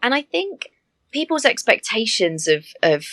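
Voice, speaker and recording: A woman who works as an air hostess, telling stories in a chatty, animated way with laughing asides. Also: on the high side, measured pace, dry recording. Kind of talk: casual interview chat.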